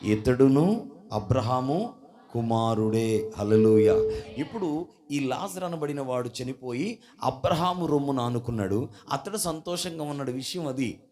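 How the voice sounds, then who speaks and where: A man delivers a sermon during a church service, constantly questioning the congregation and inviting their responses. His medium-pitched voice has lively intonation and a moderate pace, lurching abruptly from loud to soft.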